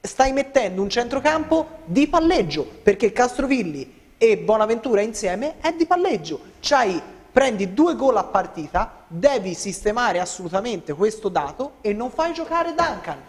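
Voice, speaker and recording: A man argues as a football pundit, insistent and combative. His voice is high and very lively in melody. The studio adds long reverb. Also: normal speed. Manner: argumentative, insistent. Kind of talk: heated panel debate.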